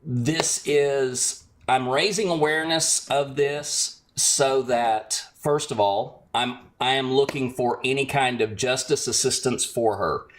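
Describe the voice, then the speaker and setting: A man calling in to a live stream, telling a friend's story in a measured, hesitant way with many pauses. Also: mid-range voice. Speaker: caller. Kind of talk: telling a personal account.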